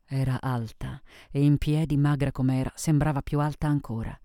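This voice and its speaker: A man narrating a novel in the first person with a measured reading manner. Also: mid-range voice, steady tone, mellow, no room sound, studio quality. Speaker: audiobook narrator. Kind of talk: scripted narration.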